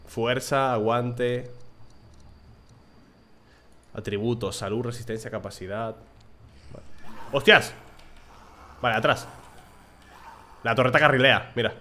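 A young gaming streamer gives live commentary on his gameplay in a medium-pitched, unhurried voice with long pauses. He's casual, swears, and shouts excitedly at the game, with slight background noise.

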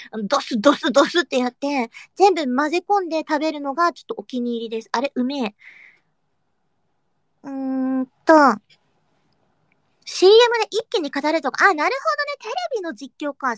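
A young woman streaming, chatting casually with her viewers and reading their comments, playful and quick to joke, sometimes dropping into a whisper. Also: very high-pitched, a bit bright, no room sound, studio quality. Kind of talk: casual livestream chat.

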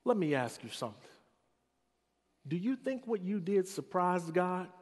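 Preacher doing a giant, loud, slangy college buddy, high and booming, hall reverb. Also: male voice, very animated, unhurried, exaggerated voice. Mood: calm questioning. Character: big loud tall young man, caring friend.

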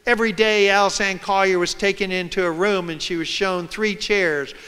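A man speaks from a stage as a reporter, acting out scenes and quotes as he tells them. His voice is high and clear, with a smooth, resonant tone. A long reverb from the large lecture hall follows his words. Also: fairly even intonation, moderate pace, bright, forceful tone. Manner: dramatic, acts out scenes and quotes. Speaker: reporter giving a public talk. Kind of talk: storytelling lecture.

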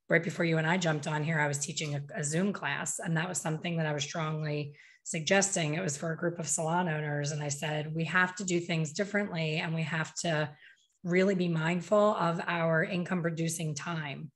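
A woman in her fifties, a hair color educator talking animatedly on a video call, gesturing with her hands and acting out what people say. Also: deep voice. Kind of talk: casual video call interview. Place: small bright room at home. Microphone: desk microphone on video call.

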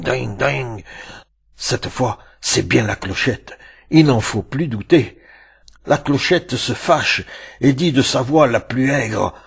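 A man narrating a classic tale aloud with a dramatic, storytelling delivery and many pauses. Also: medium pitch, gravelly, slightly rough.

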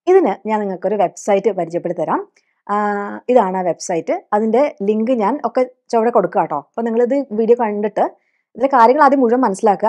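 Patient woman teacher, slightly high voice. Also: darkish tone. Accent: Malayali English. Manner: explains patiently with many rhetorical questions. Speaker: English teacher. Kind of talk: teaching spoken English.

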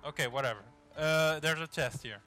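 Over game music and a noisy crowd, a gamer whose first language isn't English tosses off casual let's-play commentary, swearing a lot and stumbling whenever he reads something aloud. His voice is fairly high and brisk.

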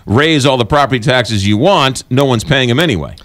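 A middle-aged man hosting a talk radio show in a studio, brisk and teasing, quick to sum up his guest's points. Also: medium pitch, lively intonation, a bit bright, no room sound. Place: radio studio with a window view of a city. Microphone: studio microphone on a boom arm.

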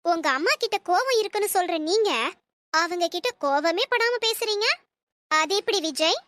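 A woman voicing a cold, defiant young wife in an animated cartoon, speaking in sharp, cutting retorts. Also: extremely high pitch, normal speed, no room sound. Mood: angry, scornful.

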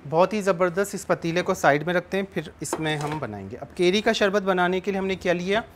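This thirties-aged cooking show host speaks in a high, expressive voice, fairly quickly, with a little hiss or hum on the recording. Cooking in a studio kitchen with background music, he patiently walks through each step in a mix of Urdu and Sindhi and takes phone-in calls.

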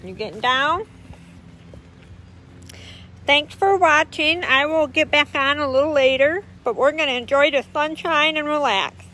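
A woman's voice: sits high, unhurried, long pauses, sharp tone. A woman with a Michigan accent, chatting outdoors by a lake and cooing doting baby talk at her puppies. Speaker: dog breeder. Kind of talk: casual chat to puppies and viewers.

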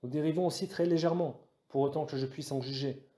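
A man's voice: on the high side, fairly even intonation, quick pace, warm tone, roomy sound, pitched above the performer's own voice, lightly acted. A man voicing a terrified female starship navigator in an audiobook, talking with trembling, fearful urgency. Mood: urgent. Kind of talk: audiobook character voice.

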